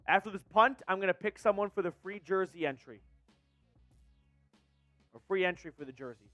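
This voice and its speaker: A man's voice: sits high, normal speed, dry recording. A man hosting a live fan watch-party stream, calling the plays and hyping his chat. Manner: excitable, hypes chat and reads super chats. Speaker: fan channel host doing live play-by-play. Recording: dry close mic with faint music.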